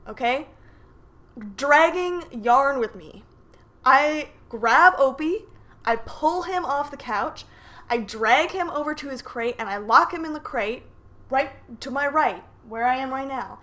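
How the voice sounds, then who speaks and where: A young woman, a podcast host, telling a dramatic story in a lively, casual way with many asides, from her apartment. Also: fairly high pitch. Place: apartment living room with sliding door open.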